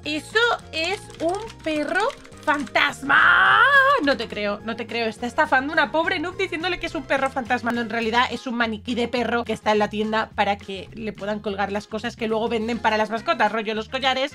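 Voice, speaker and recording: A woman's voice: on the high side, fairly quick, sharp tone, faint music behind. A young woman with a Spain Spanish accent, commenting on gameplay and playfully acting like a naive newbie. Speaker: gaming YouTuber.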